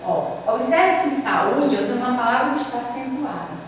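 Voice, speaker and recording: A woman's voice: fairly high pitch, lively intonation, normal speed. A woman teacher explains a lesson step by step and keeps saying "ó" as she points to the board. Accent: Brazilian Portuguese. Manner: explains step by step, often says "ó" while pointing. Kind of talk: recorded classroom lesson. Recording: echoey room, distant mic, faint noise.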